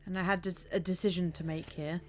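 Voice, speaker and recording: A woman's voice: lowish voice, flat delivery, fast talker, faint music behind. A woman chatting casually and enthusiastically as she narrates a country walk for a vlog. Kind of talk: casual chat.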